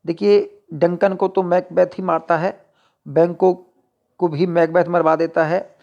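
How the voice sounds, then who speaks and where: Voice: medium pitch, level tone, a little slow, a little mellow, lo-fi sound. A teacher giving an exam-prep lecture, reading each question and its options aloud and then explaining the answer in Hindi with English literary terms mixed in.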